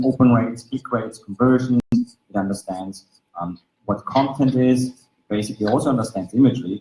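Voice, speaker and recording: This conference speaker, a man from Austria with German as his first language, explains his points in an Austrian German accent, peppering them with "basically" and "right?". He has a mid-range, slightly mellow voice. Poor audio adds reverberation and a bit of hiss or hum at the conference venue.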